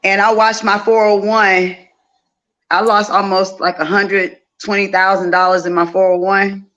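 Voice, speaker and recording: A Louisiana woman in her 50s, a festival organizer, talks as an interview guest, casually telling stories and repeating phrases for emphasis. Her mid-range voice keeps a level tone at normal speed and sounds a bit bright. The recording is lo-fi.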